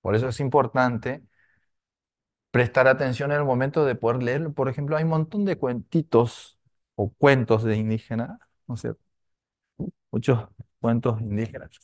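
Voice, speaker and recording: A man teaching a language class, going slowly and checking often that his students follow. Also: medium pitch, darkish tone. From Argentina. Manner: slow, repetitive, with frequent tag questions.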